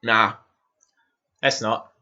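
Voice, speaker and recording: A man from Austria, muttering to himself while he works through a software build on a live-stream tutorial and answering viewers' questions. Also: on the low side, steady tone, drawn-out words, lo-fi sound.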